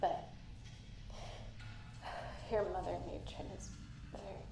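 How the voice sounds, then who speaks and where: An ailing matriarch in a video game, stern yet motherly and tender. Her solemn voice is creaky and unhurried. It echoes through a crackling intercom speaker with static. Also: fairly low pitch, level tone. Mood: tender, sorrowful. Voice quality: warm, tender. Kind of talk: dramatic video game voice acting. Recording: echoing, staticky intercom sound.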